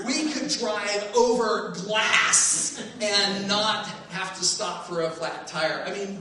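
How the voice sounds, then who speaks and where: A man with a high, bright voice tells a story on stage with lively energy, laughing as he acts out each part. His voice comes from a distance and rings through a large, echoey hall with faint noise underneath. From Phoenix, Arizona, USA. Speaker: storyteller and teacher.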